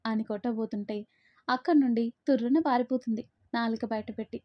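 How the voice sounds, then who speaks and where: A woman narrating a romance story, voicing the lovers' banter herself in a lively way. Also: fairly high pitch, a little fast, no echo. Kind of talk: dramatic story reading. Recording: dull, muffled dry recording.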